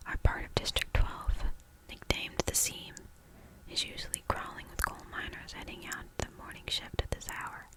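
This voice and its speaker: A woman reading a novel aloud for ASMR in a soft, hushed whisper, slow and deliberate. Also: poor audio.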